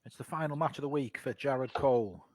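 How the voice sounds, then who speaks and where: A man's voice: mid-range voice, brisk. A man giving live sports commentary on a darts match. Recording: very noisy live stream sound.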